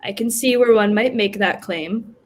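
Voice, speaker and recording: A woman's voice: mid-range voice, moderate pace, lightly acted. A woman playing a plain-spoken, questioning personification of Death in a play reading. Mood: impatient, reasoning. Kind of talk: virtual staged play reading.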